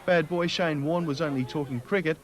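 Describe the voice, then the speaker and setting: A man's voice: fairly high pitch, a little fast. A man with an Australian accent hosting a sports show, reading scripted sports news.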